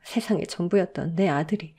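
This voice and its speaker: A woman's voice: on the low side, fairly quick, warm tone, husky. A woman narrating a dramatic family story in an emotional, scripted storytelling manner.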